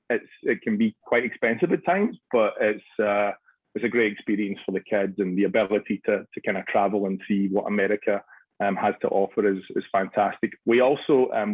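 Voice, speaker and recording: A man's voice: fairly low pitch, breathy edge, dry recording, phone-quality sound. A Scottish man in his forties, a soccer club director, answering radio interview questions with many restarts and fillers. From Scotland.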